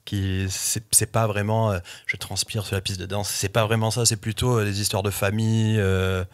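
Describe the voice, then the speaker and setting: A middle-aged man who grew up in England, a native English speaker, chats casually as a guest singer-songwriter in an interview, often restarting and using fillers. His voice is lowish, with little pitch movement, at a normal speed.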